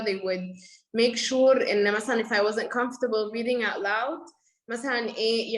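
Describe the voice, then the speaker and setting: A woman's voice: on the high side, rough recording. A young woman from Egypt with an Egyptian accent, telling her own story as an interview guest, switching between English and Arabic and acting out what others said. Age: young adult. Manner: animated, acts out quotes from parents and teachers. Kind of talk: conversational storytelling.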